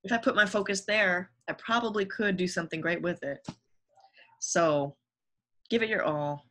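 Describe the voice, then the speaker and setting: A woman's voice: fairly low pitch, moderate pace, a bit bright. A young adult woman, a guest on a podcast, talking casually and earnestly about her career and giving upbeat advice. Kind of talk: casual interview chat.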